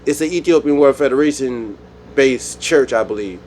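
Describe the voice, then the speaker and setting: A man from the United States hosting his own channel, speaking his mind in a rambling, animated monologue with frequent restarts. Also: medium pitch, normal speed, slight background noise. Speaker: YouTube channel host. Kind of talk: solo opinion monologue.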